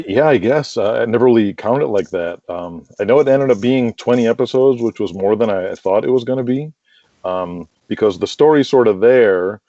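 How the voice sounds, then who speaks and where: This interview guest, who writes a wrestling audio drama, has a fairly low, warm voice. He explains his work in a long, meandering, conversational way packed with "you know" and "like." The call audio is dull and lo-fi, with an echoey room sound.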